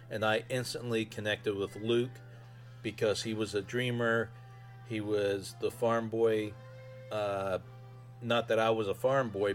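Low-voiced man hosting a casual podcast. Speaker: podcast host. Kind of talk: casual solo fan review.

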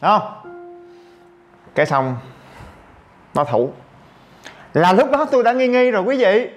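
A man from Vietnam hosting a podcast, telling a story in a lively casual monologue and acting out the voices of the people in it. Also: high voice, a little slow, faint music behind. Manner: animated, acts out quoted voices, exclaims often. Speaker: podcast host.

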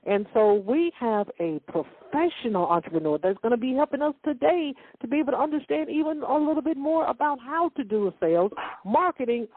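A woman's voice: fairly high pitch, husky. A woman hosting a business podcast, repeating herself and leaning on fillers as she introduces and questions her guest. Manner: repetitive, filler-heavy interviewing. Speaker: podcast host. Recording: dry tinny phone-quality audio.

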